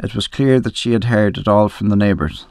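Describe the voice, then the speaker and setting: A man reading a short story aloud, narrating with measured, expressive first-person storytelling. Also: fairly low pitch, clean tone, no room sound, studio quality. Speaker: reader.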